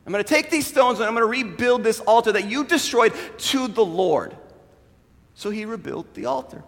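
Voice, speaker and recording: A pastor gives a sermon in a very high voice, swinging his pitch around as he tells the story. He acts out the characters' lines as he goes. His voice rings with a long reverb, like a large hall. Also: moderate pace, vocal fry. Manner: animated retelling with voiced quotes.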